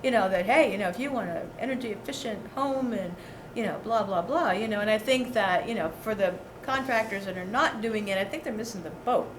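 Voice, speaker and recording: At a local committee meeting, a woman committee member speaks in an outspoken, conversational manner during informal discussion. Her voice sits in the mid range, moves a little fast and barely pauses. The indoor meeting room echoes, and background noise is clearly audible.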